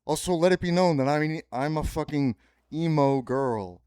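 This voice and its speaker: A man's slightly high, darkish, clear and resonant voice moves at a normal pace as he hosts a solo podcast. His monologue is rambling, grandiose and pseudo-philosophical, repeating itself in circling phrases and breaking into sudden swearing, captured with a dry, clean studio sound.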